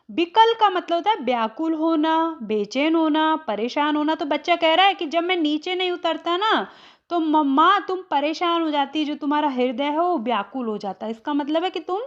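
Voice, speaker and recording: Woman teacher, high voice, reads verse then explains it plainly; slightly dull lo-fi audio. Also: a bit bright. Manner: reads verses then explains in simple words, mixing in English. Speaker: Hindi teacher. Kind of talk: explaining a poem line by line.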